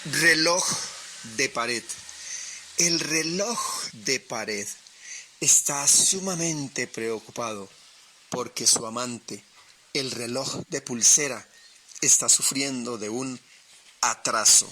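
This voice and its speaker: Slow, bright male storyteller. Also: medium pitch, a little hiss or hum. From Colombia. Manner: expressive, dramatic pauses. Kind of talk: oral storytelling on radio.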